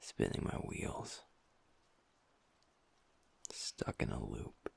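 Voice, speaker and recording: A man voicing Ash, a gentle young werewolf boyfriend and pack beta, weighed down by guilt, talking softly and intimately to his partner in an audio roleplay. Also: very slow. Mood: subdued. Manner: soft, hushed, intimate talk to a partner.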